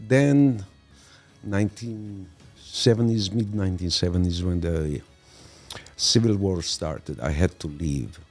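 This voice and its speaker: Slow, low-voiced man in his sixties. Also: darkish tone, faint music behind. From Lebanon. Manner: unhurried, with pauses and fillers. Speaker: podcast guest. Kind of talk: relaxed conversational storytelling.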